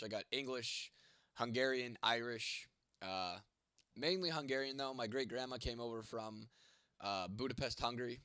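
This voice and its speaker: A man's voice: mid-range voice, fairly bright tone, dry recording. A young man hosting a casual livestream, rambling and swearing as he answers chat comments by name, with a sore throat and a cough. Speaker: livestream host reading chat.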